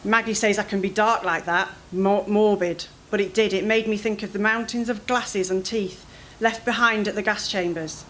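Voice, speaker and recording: At a literary event, a woman reads her own first-person fiction aloud, expressive and anxious in her storytelling. Her mid-range voice moves at normal speed with hardly any pauses, and the recording is low quality.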